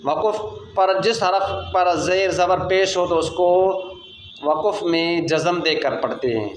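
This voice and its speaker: A man teaching young children to recite, drilling them with steady praise and firm corrections. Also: high voice, a little hiss or hum. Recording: echoey room.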